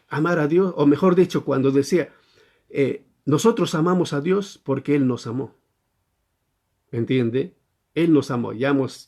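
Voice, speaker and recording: A Chilean-accented pastor delivers a teaching sermon at a quarantine-era church service, frequently asking his congregation questions. He has a mid-range, slightly mellow voice with vocal fry.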